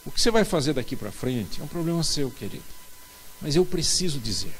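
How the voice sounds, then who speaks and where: A man's voice: on the high side, poor audio. A middle-aged Brazilian man preaching a sermon as pastor, telling stories with acted-out dialogue and building emphasis. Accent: Brazilian Portuguese. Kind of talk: sermon to a men's group.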